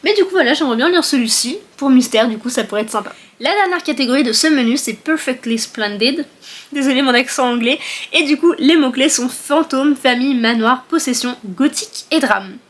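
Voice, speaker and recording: A woman's voice: high voice, fairly quick. A young woman chatting casually to camera about books she plans to read, rambling with many fillers and self-corrections. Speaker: book vlogger. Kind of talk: casual book haul chat.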